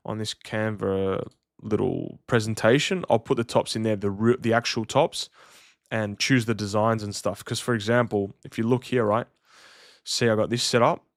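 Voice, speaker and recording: A man's voice: fairly low pitch, fairly even intonation, moderate pace, dry recording, clean studio sound. A man, chatting casually to livestream viewers in a slangy, matey way. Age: 30s. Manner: laid-back slangy, matey address. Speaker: livestream host.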